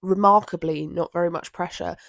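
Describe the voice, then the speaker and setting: A woman's voice: on the low side, fairly even intonation, a little fast, gravelly, a bit bright, no room sound. A woman in her twenties with a Southern English accent, co-hosting a casual podcast chat, rambling and easily sidetracked. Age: 20s. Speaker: podcast co-host. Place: room with an open window.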